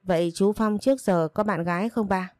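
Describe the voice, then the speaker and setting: A woman's voice: mid-range voice, fairly quick, a little mellow, dry recording, clean studio sound, lightly acted. A woman reading a curious shy young woman.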